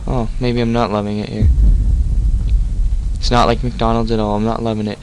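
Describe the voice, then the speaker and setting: A man's voice: fairly low pitch, little pitch movement, normal speed, background noise. A young man hosting a horror game let's play, jumpy and jokey, talking back to the game. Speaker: gaming channel host.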